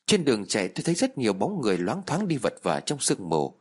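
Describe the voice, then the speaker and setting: A man's voice: fairly low pitch, wildly swooping pitch, fast, husky. A man narrating a spooky first-person horror story in a tense, dramatic storytelling manner.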